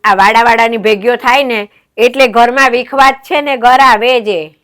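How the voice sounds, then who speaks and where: A woman's voice: a little high, fairly even intonation, normal speed, a bit bright. A woman giving her opinions in a casual discussion about family quarrels. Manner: opinionated, explaining.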